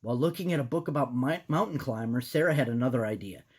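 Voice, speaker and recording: Husky, low-pitched, very animated woman storyteller. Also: quick pace. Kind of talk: animated children's story narration.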